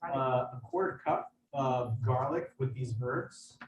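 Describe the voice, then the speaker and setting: A man, a chef, giving a casual cooking demonstration in a kitchen over a video call. He talks in a hesitant, halting way, with lots of fillers and restarts. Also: mid-range voice, lo-fi sound. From United States. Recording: echoey room, far from mic, background noise.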